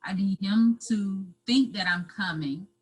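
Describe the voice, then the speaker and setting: A woman guest telling her own story in an interview, halting and repeating herself, at times close to tears. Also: mid-range voice, slightly rough, poor audio. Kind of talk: emotional personal storytelling.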